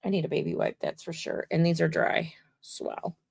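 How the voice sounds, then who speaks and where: A woman's voice: low voice, fairly even intonation, normal speed, gravelly, a little mellow, husky, no room sound, studio quality. Chatty woman crafting on a livestream. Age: adult. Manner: chatty, rambling, talks to viewers while working. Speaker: mosaic artist hosting a livestream. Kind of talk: casual chat while crafting.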